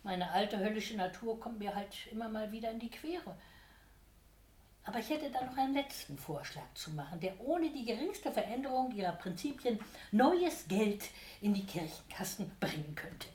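A woman's voice: lively intonation, moderate pace, darkish tone, reverberant, lightly acted. A woman voicing a scheming, fawning male Devil who talks like a wheedling salesman, in a read-aloud story. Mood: ingratiating. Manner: wheedling, theatrical, swings between whining and eager pitching.

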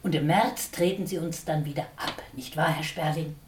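A woman's voice: low voice, normal speed, slight background noise, voice pushed down, lightly acted. Dickhop, a woman playing a stiffly polite male starling. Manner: formal, courteous, straining to stay calm. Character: polite but irritable male starling, house owner. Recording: roomy, distant mic.

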